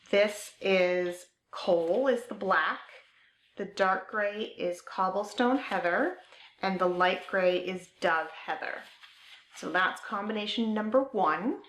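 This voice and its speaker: Slow, chatty woman in an echoey room. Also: fairly low pitch, fairly bright tone. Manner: chatty and enthusiastic, with filler words and trailing thoughts. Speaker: knitting podcast host. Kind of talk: casual show-and-tell chat. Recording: roomy echo.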